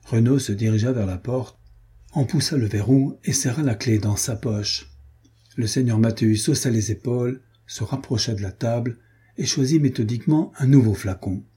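Man reading an audiobook, super dark and husky voice, steady pace. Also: medium pitch, moderate pace. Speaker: audiobook narrator. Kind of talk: audiobook narration.

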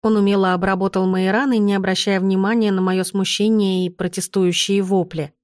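A woman reads an audiobook in the first person, calm and measured. Her voice sits at an ordinary middle pitch. The recording is dry and close, with no room echo. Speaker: audiobook narrator.

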